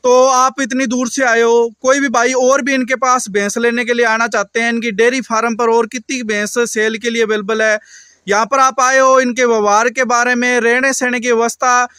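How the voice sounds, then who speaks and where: Middle-aged male host, very high bright voice, dry close mic, outdoor farm interview, leading questions. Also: little pitch movement, normal speed, clear, resonant tone, dry recording. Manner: repetitive, leading questions with polite "ji". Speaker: dairy channel host interviewing a buyer. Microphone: small handheld mic.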